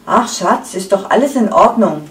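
A woman voicing a calm, contented egg yolk who gently calms its partner, read in a roomy space from a distance. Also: medium pitch, moderate pace, close to an everyday voice. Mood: soothing. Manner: soothing, placid. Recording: echoey room, far from the mic.

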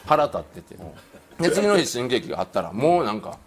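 関西弁でまくしたてる中年男性の語り. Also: male voice, medium pitch, breathy edge. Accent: Kansai. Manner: animated, acts out quoted voices, rapid delivery. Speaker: comedian telling an anecdote. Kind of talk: comic storytelling on a panel show.

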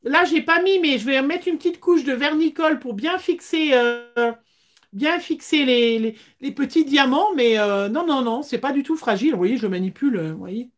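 In a small room, a woman hosts a relaxed craft livestream, chatting with hesitant pauses. Her voice is high, and she speaks into a device held at arm's length.

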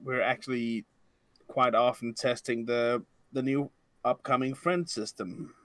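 A man's voice: mid-range voice, a little slow, no room sound. A European man co-hosting a game development stream, joking and chatting casually. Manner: lively, joking, laughs easily. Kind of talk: casual chat while gaming.

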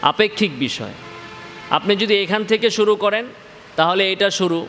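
A man from Bangladesh teaching Quranic letter pronunciation in a slow spoken lesson. He asks his listeners questions, answers them himself, and draws out each letter sound. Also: high voice, fairly bright tone, in a large hall, soft background music.

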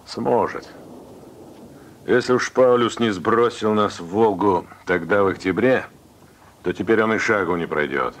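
An actor playing a confident Soviet army general, firm and deliberate, in war film dialogue. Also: male voice, fairly low pitch.

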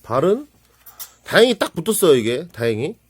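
A man talks casually over a hobby model build, exclaiming and muttering as he fiddles with small parts. His voice is slightly husky and swings widely in pitch, jumping up with excitement and sinking into low asides. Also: normal speed. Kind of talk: casual hands-on hobby narration.

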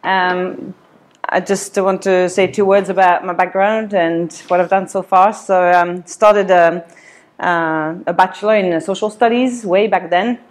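A woman from Switzerland presents a seminar in an indoor meeting room, picked up by a camera some distance away. Her delivery is loose and hesitant, full of ums and uhs, with frequent small laughs. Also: fairly low pitch. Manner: many fillers, hesitant, laughs often. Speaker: seminar speaker. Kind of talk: academic seminar talk. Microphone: far camera.

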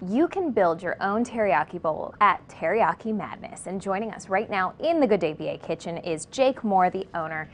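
A young woman hosting a live TV morning show segment, asking a guest upbeat, quick questions in a studio kitchen. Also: medium pitch, expressive, a little hiss or hum, rough recording. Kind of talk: live TV interview. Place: studio kitchen set, indoors. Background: faint sizzling of frying food.

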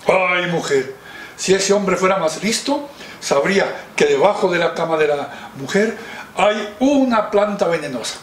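A man's voice: high voice, expressive, unhurried, slight background noise. A man voicing a grumpy, sleepy dragon who whines about being woken, told as a children's story. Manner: whiny, exasperated complaining. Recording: roomy, distant mic.

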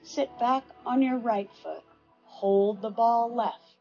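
An older woman instructor calling out tai chi movements in serene, measured short phrases. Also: fairly high pitch, dull audio, faint music behind.

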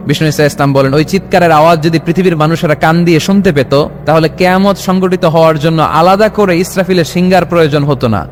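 A man preaching a dramatic sermon, swinging from soft to shouted lines and chanting Arabic verses. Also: a little high, slight background noise. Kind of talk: Islamic sermon (waz).

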